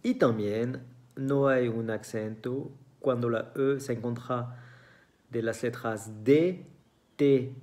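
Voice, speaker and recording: Slow, careful teacher. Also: medium pitch, darkish tone. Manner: slow and careful, repeats each example word. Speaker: French teacher. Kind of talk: beginner language lesson.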